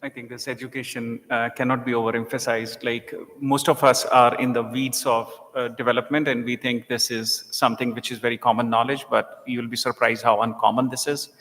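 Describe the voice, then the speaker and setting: Mid-pitched man in an echoing hall. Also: little pitch movement, a little fast, few pauses, fairly bright tone. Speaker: panelist. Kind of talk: informal panel talk. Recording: echoey hall with long reverb.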